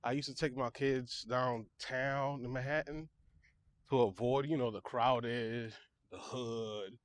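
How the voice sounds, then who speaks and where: A man's voice: medium pitch, fairly even intonation, takes it slowly, dry recording. A young man, talking casually and a little out of breath while walking through a park, repeating and correcting himself as he goes. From New York City. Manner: chatty, self-correcting, repeats phrases. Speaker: vlogger, registered nurse. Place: outdoor park.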